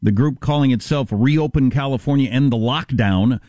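A man's voice: medium pitch, moderate pace, dark tone, no room sound, clean studio sound. A man hosting a talk radio show, opinionated and conversational, pushing the interview along.

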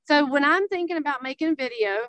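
A woman's voice: high-pitched, animated, a little fast, fairly bright tone, dry recording. A woman with a Southern American accent giving conversational coaching in a blunt, folksy, emphatic way. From Southern United States. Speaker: social media coach for realtors, guest.

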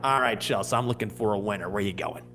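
A man's voice: on the low side, fast, a bit bright, faint music behind. A man hosting a sports betting show, hyping his picks in a confident, punchy tipster manner. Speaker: host.

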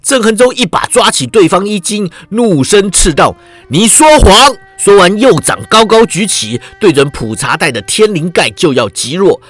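A man's voice: high-pitched, big pitch swings, normal speed, hardly any pauses, fairly bright tone, husky, faint music behind. A man narrating a wuxia story in a vivid, dramatic storyteller's manner.

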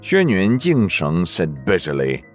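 Slow deep-voiced male storyteller. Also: faint music behind. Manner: slow, expressive reading. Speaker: narrator. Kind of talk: storytelling narration.

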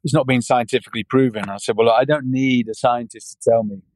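A British man in his forties, appearing as a podcast guest, chats casually in an interview, rambling with many restarts and frequent "yeah" and "you know." His medium-pitched, darkish voice stays fairly even as he talks fast. The audio is poor, with no room sound.

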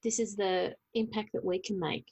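A woman's voice: medium pitch, steady tone, moderate pace, darkish tone, breathy edge. A woman hosting a podcast, affirming and thanking her guest. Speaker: podcast host. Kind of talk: casual interview.

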